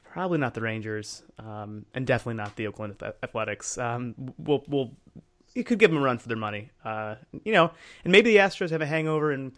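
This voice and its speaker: Podcast cohost guy, chatty and rambling, middle-pitched voice. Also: expressive, fairly quick, a bit bright. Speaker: podcast co-host. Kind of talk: casual sports chat.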